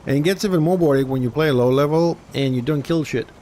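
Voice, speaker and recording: A man's voice: a little high, quick pace, dark tone, slight background noise. A man with a Greek accent streaming a game live, grumbling and swearing as he restarts his sentences. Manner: restarts and trails off mid-sentence. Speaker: gaming livestreamer. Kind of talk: casual live gameplay commentary.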